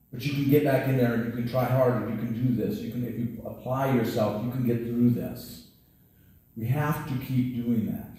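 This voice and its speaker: Middle-aged guy preaching, loose chatty sermon, lots of restarts, dark tone, big echo in the church. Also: medium pitch. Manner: conversational preaching with frequent restarts. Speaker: pastor. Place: church sanctuary at a pulpit. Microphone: headset mic. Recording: roomy church echo, distant mic.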